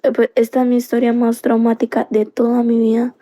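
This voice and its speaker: Woman, mellow dark tone, monotone delivery, earnest live-stream storytelling, lots of fillers. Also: a little high, brisk. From Colombia. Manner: earnest, circling back with many fillers.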